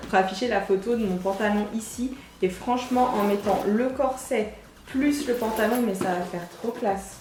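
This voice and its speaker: A woman's voice: on the high side, echoey room, slight background noise. A young woman chatting enthusiastically through a beauty unboxing, gushing over each product. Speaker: beauty vlogger. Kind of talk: casual unboxing chat.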